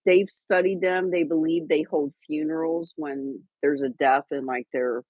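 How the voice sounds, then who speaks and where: A woman's voice: low voice, lively intonation, a little slow, creaky, no room sound, lo-fi sound. A woman co-hosting a casual livestream, chatty and rambling with lots of fillers and restarts. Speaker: livestream co-host.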